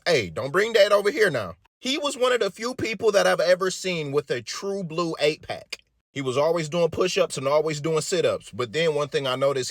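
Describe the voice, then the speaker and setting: A young adult man casually telling a story about his psych ward job, animated, slangy and joking. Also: fairly high pitch, dry recording, studio quality.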